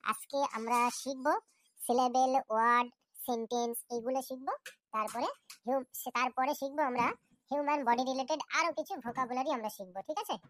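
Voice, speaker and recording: A woman's voice: sits high, fairly even intonation, fairly quick, a bit bright, no room sound. A woman voicing a patient female teacher in a cartoon lesson, explaining step by step and often checking that the class understands.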